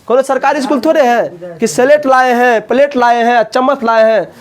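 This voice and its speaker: A man's voice: very high voice, normal speed. A man teaching a coaching class, often asking students questions and repeating the answers.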